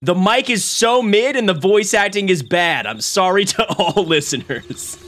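A man in his twenties streams live from a small room at home into a boom-arm desk mic, joking energetically and laughing often. His high voice is expressive, unhurried, and a bit bright.

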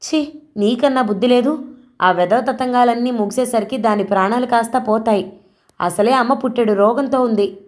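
A woman's voice: a little high, normal speed, pitched above the performer's own voice, natural voice. A woman voicing a grieving, defiant young daughter in a storybook reading, indignant and insistent.

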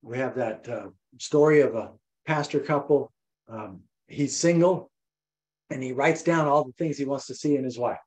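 An older man preaching a sermon as pastor, animated and repetitive, acting out voices. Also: normal speed, rough recording. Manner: animated, repeats phrases, acts out voices with rising pitch. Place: church.

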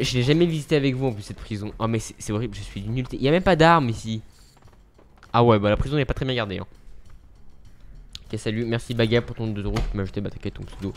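A young man live-streaming a video game, chatting casually, mocking himself and thanking viewers as he plays. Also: medium pitch.

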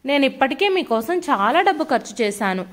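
A woman's voice: high-pitched, big pitch swings, a little fast, a bit bright. Woman doing a scornful angry young son. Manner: harsh, scornful. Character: arrogant, angry young office-worker son.

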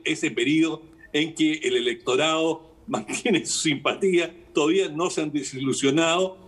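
Older male news analyst on a remote link, husky, slightly high voice, explanatory and unhurried. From Chile. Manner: measured, explanatory, frequent "eh" fillers. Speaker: international analyst. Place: home room with lamp, remote link.

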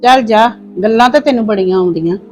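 A woman's voice: a little high, fast talker, music in the background, close to an everyday voice, rough recording. An older woman playing a grumbling mother-in-law who nags her daughter-in-law about being late. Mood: nagging. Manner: nagging and sharp-tongued.

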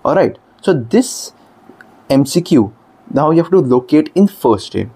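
A man's voice: a little high, sing-song, a little slow, warm tone, breathy edge. Emphatic man tutoring exam prep. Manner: explanatory, emphatic, repeats 'okay'. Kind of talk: screen-demo lesson.

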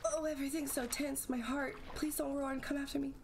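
A woman's voice: high-pitched, level tone, brisk, a little hiss or hum. A woman giving nervous, chatty let's-play commentary, talking to herself as she plays. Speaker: gaming channel host.

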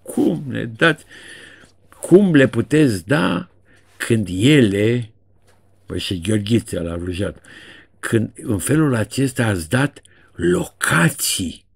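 Gravelly, lively old man ranting. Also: long pauses, no echo. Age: 70s. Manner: colloquial, sarcastic, swings widely in pitch. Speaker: journalist and video blogger. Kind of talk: casual commentary monologue.

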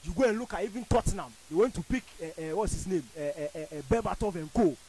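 Speaking fast with a warm tone and a high voice, this Ghanaian-accented panelist argues football in an animated radio studio debate, emphatic and theatrical throughout. A studio boom mic with headphones picks him up, along with a little hiss or hum.

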